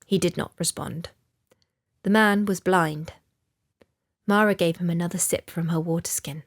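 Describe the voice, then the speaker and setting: Low-voiced woman narrating a story. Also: unhurried. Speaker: audiobook narrator. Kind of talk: scripted narration.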